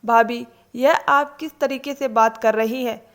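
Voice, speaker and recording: Woman reading an indignant young married daughter, insistent and reproachful, fairly high voice; storybook. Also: steady tone, measured pace.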